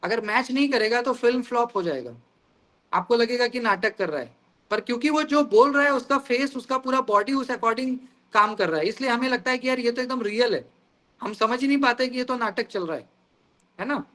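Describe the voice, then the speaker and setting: A man with an extremely high, bright, forceful voice teaches an online exam-prep class over a video call, speaking a little fast. He explains terms with everyday examples and often calls his students "guys".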